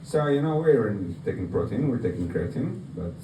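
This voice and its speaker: A Greek amateur stand-up comedian does storytelling comedy for an audience at a live open mic in a noisy bar, his low-leaning voice swinging widely in pitch at a moderate pace. The sound is roomy, with a distant mic. Audience laughter and room noise can be heard.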